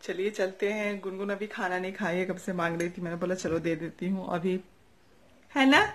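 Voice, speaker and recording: A young woman with an eastern Uttar Pradesh Hindi accent, narrating a casual daily vlog at home in a chatty, soft-spoken way with frequent tag questions. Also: lowish voice, flat delivery, brisk. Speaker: vlogger. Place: family home, indoors and courtyard.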